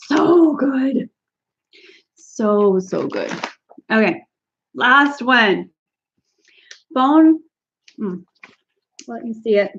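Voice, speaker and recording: Giggly woman chatting on a live stream. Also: medium pitch. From Canada. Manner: chatty, giggly, talks to chat viewers. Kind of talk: casual live-stream snack tasting. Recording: slightly dull lo-fi stream audio.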